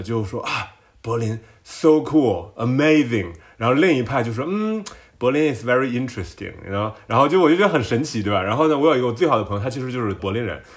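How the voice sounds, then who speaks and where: A man from China, a podcast guest, telling stories in a lively casual chat, laughing often and dropping in English words. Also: mid-range voice.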